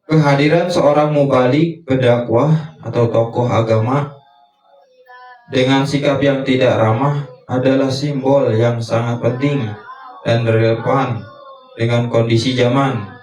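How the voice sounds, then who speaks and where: A man interprets a dream in a slow, even sermon, his phrases short and measured, with little rise or fall in his voice. He sounds set back from the mic in a roomy, echoing space. Soft music plays faintly underneath. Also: medium pitch. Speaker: dream interpreter and religious teacher. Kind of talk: reflective religious dream interpretation. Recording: echoey room, distant mic.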